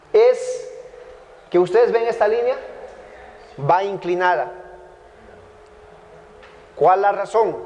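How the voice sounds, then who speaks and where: A man's voice: high-pitched, a little mellow, in a large hall. A man with a Bolivian Spanish accent teaching a biblical Greek grammar class, patiently repeating points and checking that students follow.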